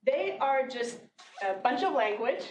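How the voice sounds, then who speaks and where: A woman's voice: sits high, lively intonation, a little slow. A woman marketing professor giving a conference lecture in a classroom, talking in a conversational way with many fillers and restarts. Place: large classroom. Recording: echoey room with background noise, from far off.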